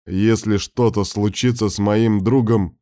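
A man's voice: on the low side, steady tone, unhurried, warm tone, no echo, close to an everyday voice. A man reading an audiobook voices a stern older man who scolds harshly, close to the mic. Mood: angry scolding.

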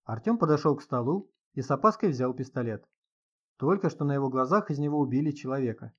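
A man reading an audiobook in an even, measured narrating voice. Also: mid-range voice, muffled recording. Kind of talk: scripted narration.

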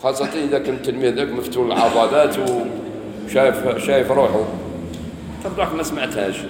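Algerian sheikh teaching in an echoey hall. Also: male voice, mid-range voice, quick pace, background noise. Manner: lively teaching, asks students questions, tells stories. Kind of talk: sermon. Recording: echoey hall, faint ambience.

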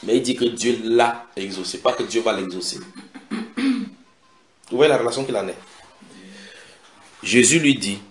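A man preaching a sermon, retelling scripture dramatically with sudden shouted quotes and direct questions to his listeners. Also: mid-range voice, lively intonation, a little slow, pauses often, slight background noise. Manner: asks the audience direct questions. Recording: echoey room.

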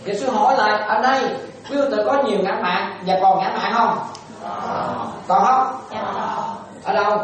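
A Buddhist monk teaches lay followers, often pausing to quiz them and acting out short exchanges. His voice rings through a very echoey room. He stands away from the microphone, so he sounds distant. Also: high voice, crowd noise. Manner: asks the audience questions, plays out little dialogues. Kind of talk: dharma talk to lay followers. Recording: echoey room, voice far from the mic.

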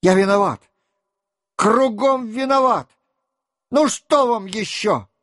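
An adult man reading a book aloud and voicing a young male count who pleads in an earnest, flustered, hurried way. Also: sits high, a bit bright, no room sound, studio quality, pitched above the performer's own voice. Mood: pleading. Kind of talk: audiobook character reading.

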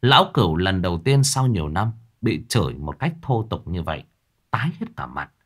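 A man narrating a ghost story in a dramatic, expressive way. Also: deep voice, brisk. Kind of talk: scripted narration.

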